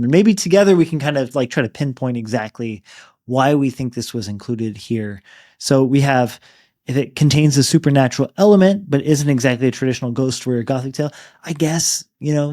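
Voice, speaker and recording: A man co-hosting a book discussion, talking in a relaxed, rambling way with frequent fillers and easy laughter. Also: medium pitch. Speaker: book podcast co-host.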